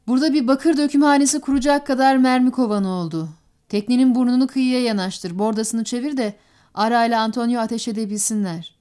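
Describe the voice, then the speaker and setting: A woman's voice: a little high, fairly even intonation, brisk, dark tone, lightly acted. A woman voicing a tough male gunner who cracks brash jokes. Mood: wry.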